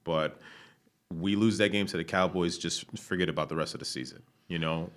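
Very deep-voiced man in loose sports banter. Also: normal speed, a bit bright. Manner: laid-back, fills with "you know", swears casually. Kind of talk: casual sports chat.

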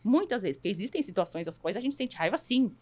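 Animated, fast-talking Brazilian woman. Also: medium pitch. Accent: Brazilian Portuguese. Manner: emphatic, lecturing, acts out quoted voices. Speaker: guest speaker on parenting. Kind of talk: podcast conversation.

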